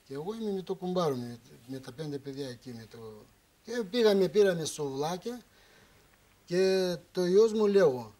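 On a relationship talk show taped in a TV studio, a male guest with a high, animated, warm voice rambles through an emotional story. His Greek is broken, and he keeps repeating phrases.

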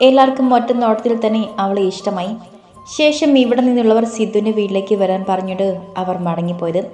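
A woman narrating a story in a measured, even reading voice. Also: medium pitch. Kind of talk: scripted narration. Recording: roomy echo, faint music.

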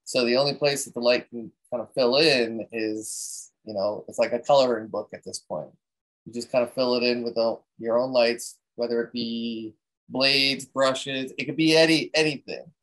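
A man's voice: mid-range voice, steady tone, normal speed, fairly bright tone, poor audio. A man giving a casual, rambling talk that explains a photography technique, with many fillers and restarts.

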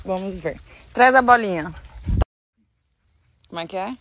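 A woman's voice: mid-range voice, measured pace, a bit bright. A chatty young woman with an ordinary mid-range voice talks freely and playfully on a phone camera. She is outdoors on a country property, with a faint wash of outdoor noise behind her. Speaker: vlogger. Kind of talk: casual vlog chat.

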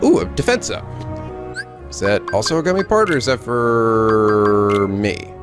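A man's voice: on the low side, expressive, measured pace. A man giving casual, playful gameplay commentary, exclaiming and swearing freely as host. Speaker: gaming video host. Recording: game music behind commentary.

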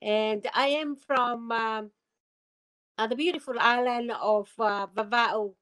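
A middle-aged woman from Tonga with a Tongan accent introduces herself on a video call, unhurried and full of fillers. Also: a little high, fairly even intonation, fairly bright tone, clean tone. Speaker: community leader and captain. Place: indoor room at home. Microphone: webcam on a video call.

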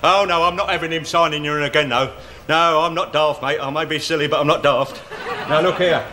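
A man's voice: on the high side, steady tone, fairly quick, background noise, lightly acted. An actor playing a smug, petty bus depot inspector in a 1970s TV sitcom. He talks with an English accent, gloats and mocks, and chuckles as he goes. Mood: gloating.

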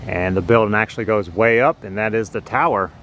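A man narrating a walking tour outdoors on a city sidewalk, explaining things slowly and plainly as he films with a handheld phone. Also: fairly low pitch, a bit bright, lo-fi sound, a little hiss or hum. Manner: slow, plain, informative. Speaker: vlogger touring a building. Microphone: handheld phone camera.

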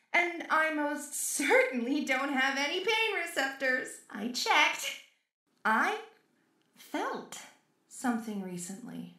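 A woman's voice: sits high, a bit bright, echoey room, distant mic, heavily acted. A woman playing an obsessive, lovesick female maid robot in an audio role-play, with clingy, menacing, unhinged villain sweetness. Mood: puzzled, uneasy.

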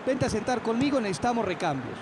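A man's voice: very high-pitched, sing-song, fast talker. A man voicing a football commentator who assesses play and substitutions in a video game. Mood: assessing. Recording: clear stadium noise behind.

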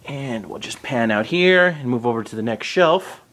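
A man casually narrating a walkthrough of his collection on home shelves, naming items one after another with the odd pause and self-correction. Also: medium pitch. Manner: steady list-like naming with occasional uh and self-corrections. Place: indoors at home by display shelves.

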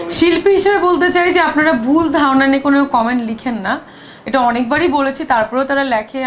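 A woman actress with a fairly high voice answers press questions between takes. Her throat is sore, but she talks on in a chatty, defensive way with quick asides. A faint noise of the shooting location sits behind her. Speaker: film actress.

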